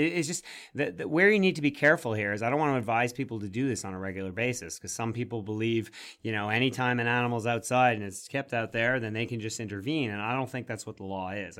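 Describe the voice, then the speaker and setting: A man co-hosting a podcast on animal law, explaining legal points in a measured way with wry, sarcastic asides. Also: mid-range voice, a bit bright. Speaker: podcast co-host. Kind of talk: casual legal podcast discussion.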